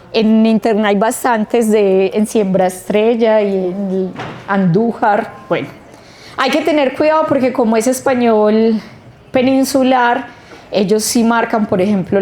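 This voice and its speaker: A woman teaching a literacy training workshop, explaining slowly and stretching out the sounds of words. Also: medium pitch, a little mellow. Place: training room.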